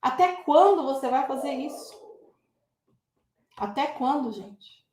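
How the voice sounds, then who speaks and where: Teacher, woman, high voice, chatty and direct with viewers, echoey room. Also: takes it slowly, background noise. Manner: lively, addresses viewers as "gente". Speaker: English teacher. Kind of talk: casual online English lesson.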